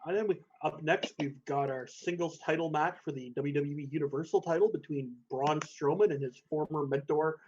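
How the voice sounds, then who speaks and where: A man's voice: fairly high pitch, moderate pace, few pauses, darkish tone, a little hiss or hum. A man co-hosting a podcast in casual chat who laughs often, swears freely and announces the next match. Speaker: podcast co-host. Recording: dull lo-fi recording.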